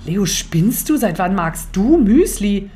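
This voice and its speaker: A woman's voice: medium pitch, very animated, slow pace, dark tone. A woman voicing a grumpy nine-year-old girl who scolds her little brother. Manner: scolding, grumbling.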